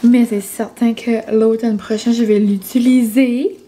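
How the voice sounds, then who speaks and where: A woman's voice: fairly high pitch, fairly even intonation, measured pace, mellow. A young woman with a Québécois French accent chatting casually in a vlog, full of fillers like "genre" and "comme". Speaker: vlogger.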